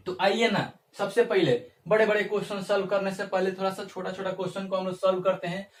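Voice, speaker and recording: A man's voice: sits high, flat delivery, fairly quick. A male teacher giving a math lesson, asking the class questions and answering them himself, repeating phrases as he coaxes them along. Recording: echoey room, mic far off.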